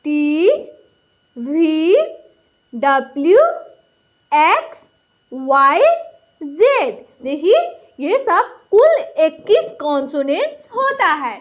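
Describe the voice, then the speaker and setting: A woman teaching a recorded lesson, patiently repeating each point and asking and answering her own questions. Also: very high voice.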